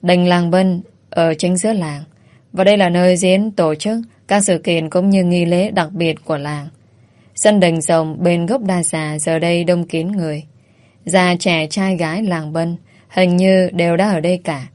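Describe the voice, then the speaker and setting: A woman narrating a story in an even, measured way. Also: fairly low pitch, no room sound.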